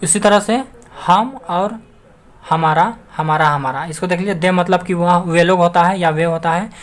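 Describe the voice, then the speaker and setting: A man's voice: sits high, moderate pace. Man, English grammar teacher, online lesson, repetitive rhetorical questions, addresses viewers as friends. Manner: keeps addressing listeners as friends.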